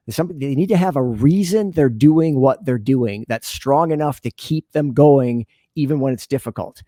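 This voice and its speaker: With a mellow, mid-range voice, the podcast guest explains earnestly and conversationally, often slipping into imagined dialogue. He is a sales leader and business consultant giving interview answers, captured in a dry recording of studio quality.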